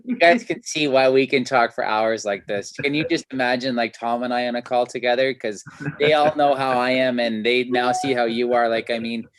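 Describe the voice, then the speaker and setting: A man's voice: mid-range voice, fairly even intonation, normal speed, no room sound. Chatty man hosting over a video call. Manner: chatty, enthusiastic, many fillers. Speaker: host. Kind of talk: casual interview.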